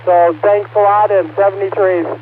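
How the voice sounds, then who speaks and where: A man checking in on an amateur radio net, heard over an intermittent transmission that keeps breaking up, talking in a relaxed, halting way with many fillers. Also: high voice. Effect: intermittent radio signal breaking up. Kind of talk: casual ham radio check-in. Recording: tinny, noisy ham radio transmission.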